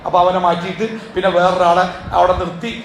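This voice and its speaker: A man's voice: high voice, monotone, fast talker, slight background noise. A middle-aged man giving a storytelling sermon at a family gathering, asking the audience rhetorical questions. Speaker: Islamic speaker. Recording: echoey hall.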